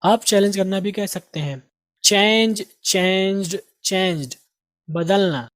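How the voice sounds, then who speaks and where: A man teaching English as a host of an online lesson, with an Indian Urdu accent, drilling vocabulary by repeating each word slowly. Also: high voice, fairly bright tone, dry recording. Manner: drills words with slow repeated pronunciation. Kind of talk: recorded lesson.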